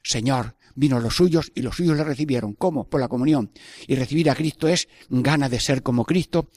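Older priest, earnest sermon, slightly high voice, dry close sound. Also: male voice, a little mellow, no room sound. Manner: earnest, repetitive preaching with prayerful asides. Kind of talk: Stations of the Cross sermon.

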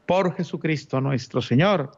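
A man's voice: on the high side, unhurried, vocal fry, a little mellow, muffled recording. A man speaking as a priest at Mass, reciting liturgical prayers in a solemn, formal manner.

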